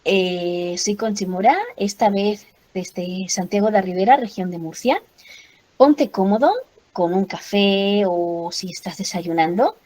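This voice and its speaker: A woman's voice: mid-range voice, darkish tone. A woman hosting an interview show, inviting and speaking straight to the listener. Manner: inviting, addressing the listener directly. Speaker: host. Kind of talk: podcast host introduction.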